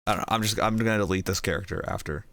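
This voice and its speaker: Low-voiced man rambling through gaming chat. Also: very fast, fairly bright tone, no room sound, studio quality. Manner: rambling, easily distracted. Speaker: streamer.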